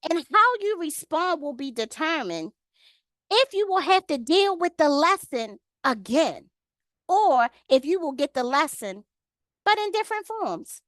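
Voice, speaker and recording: Teaching an online Bible study lesson over a video call, a woman with a high, light, fairly bright voice reads the verses steadily, then addresses the women in the group directly, calling them by name. Her pitch swings widely at a measured pace, and the audio is dry with no room echo.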